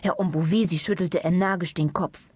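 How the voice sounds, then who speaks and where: A woman narrating a children's audiobook in a calm, clear storytelling manner. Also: fairly low pitch, fairly quick, dry recording.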